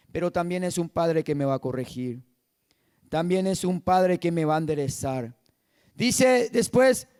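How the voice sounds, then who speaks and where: High-voiced Paraguayan preacher. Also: male voice. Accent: Paraguayan Spanish. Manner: reads scripture slowly, then preaches with emphasis. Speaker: pastor. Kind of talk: sermon.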